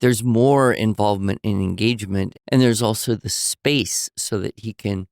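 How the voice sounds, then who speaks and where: A man's voice: fairly low pitch, moderate pace, gravelly, a little mellow, dry recording, clean studio sound. A man co-hosting a casual teaching podcast, telling anecdotes and acting out quoted voices. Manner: storytelling, acts out quoted voices. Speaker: co-host. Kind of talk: conversational podcast discussion.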